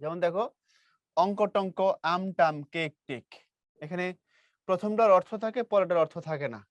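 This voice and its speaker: A man teaches a grammar lesson, his voice pitched a little high. He teases and quizzes his students as he goes. The sound is dry and close, with no room around it. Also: normal speed, dry recording, muffled recording. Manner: lively, teasing, quizzes students.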